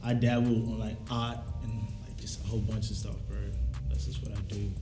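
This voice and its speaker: Being interviewed as a musician, a young man born in South Sudan and raised in Australia reflects casually in easygoing slang. His lowish voice holds a level tone at a slightly fast pace, with echo in the room and faint music behind him.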